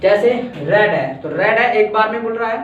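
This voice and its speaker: High-voiced male teacher in an echoey classroom. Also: animated, moderate pace, a little hiss or hum. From India. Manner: patient, repeats words and breaks them into syllables. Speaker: English teacher. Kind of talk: classroom grammar lesson. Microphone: far from the mic. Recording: echoey room, distant dull lo-fi mic.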